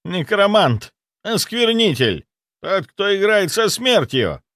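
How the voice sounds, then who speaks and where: A man voicing a fanatical male healer serving a cult, hysterical and zealous in a shrill, frantic voice. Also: big pitch swings, normal speed, a bit bright, dry recording, studio quality. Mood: venomous.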